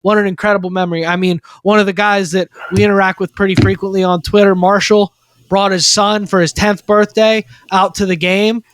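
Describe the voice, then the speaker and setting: Excitable young man, high voice, dry sound. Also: fairly quick, dry recording. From Maryland, USA. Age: 20s. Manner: excited, emphatic, repeats phrases for effect. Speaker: co-host. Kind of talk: sports talk podcast chat.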